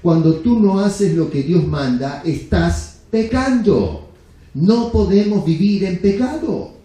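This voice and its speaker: A man's voice: high voice, animated, measured pace, warm tone. A man preaching a blunt, emphatic sermon with rhetorical questions. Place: church sanctuary. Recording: very echoey church hall.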